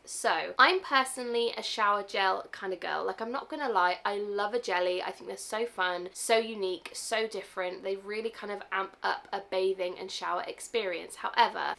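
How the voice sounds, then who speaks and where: A woman's voice: medium pitch, creaky, sharp tone. A woman vlogger chatting casually to her viewers in a Q&A, gushing and emphatic, stretching words to stress them. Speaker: beauty product vlogger. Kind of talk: casual Q&A video chat to viewers.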